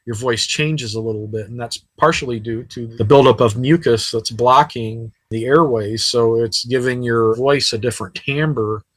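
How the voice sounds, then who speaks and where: A man's voice: mid-range voice, moderate pace, hardly any pauses, no room sound, poor audio. A man teaching anatomy in a casual, chatty recorded lecture over slides, with frequent fillers. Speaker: anatomy instructor. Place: sitting while recording.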